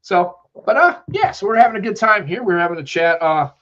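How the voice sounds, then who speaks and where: Co-hosting a live tech stream with a slight cold, this American talks in a high-pitched, animated, brisk voice that's a bit bright. He chats and rambles, reading viewer comments aloud, and the audio is dull.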